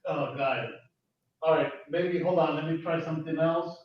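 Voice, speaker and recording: A man's voice: a little high, steady tone, moderate pace. Male podcast guest, casual, lo-fi and distant, heavy cave echo. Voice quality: distant, cavernous echoing sound. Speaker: guest, media company owner. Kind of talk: casual chat. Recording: echoey, distant laptop mic, dull lo-fi.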